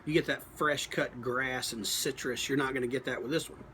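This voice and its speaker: Halting man reviewing casually, steady background noise. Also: medium pitch. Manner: halting, thinking aloud. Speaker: pipe tobacco reviewer. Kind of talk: casual product review, unscripted talk.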